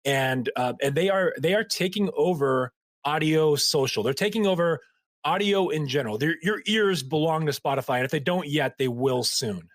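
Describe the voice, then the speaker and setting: A man's voice: fairly high pitch, animated, moderate pace, no echo, studio quality. A man co-hosting a marketing podcast in casual chat, talking loosely with many likes and frequent laughs. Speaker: podcast co-host.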